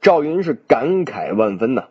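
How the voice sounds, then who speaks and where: A man telling a classic novel as a storyteller, in an animated, dramatic retelling. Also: medium pitch, moderate pace, slightly rough, highs cut off.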